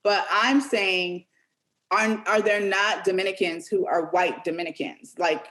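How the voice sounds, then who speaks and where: A woman co-hosting a casual podcast discussion, asking probing, animated questions. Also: medium pitch, measured pace. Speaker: podcast co-host.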